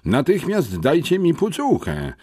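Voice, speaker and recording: A flustered teacher with his glasses slipping fires off anxious demands in a voice that climbs high and loud, as a man plays him. His husky tone stays agitated and urgent. A lively audiobook figure. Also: a little slow, heavily acted. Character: flustered middle-aged male teacher. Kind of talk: audiobook character voice.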